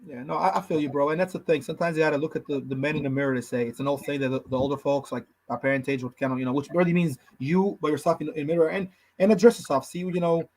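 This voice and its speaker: A man's voice: on the high side, steady tone, a little mellow, rough recording. A man co-hosting a podcast in casual chat, rambling and often calling his partner "bro". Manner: rambling, fast, says "bro" a lot. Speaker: podcast co-host.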